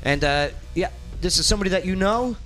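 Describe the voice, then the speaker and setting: A man's voice: high-pitched, lively intonation, quick pace, fairly bright tone, soft background music. A man hosting a live talk show from a studio with casual, informal, punchy banter. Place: radio studio.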